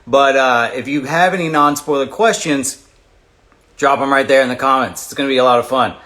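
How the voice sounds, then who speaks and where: A man hosting a casual livestream interview, energetic and jokey with lots of fillers. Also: mid-range voice, fairly quick. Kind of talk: casual upbeat livestream chat.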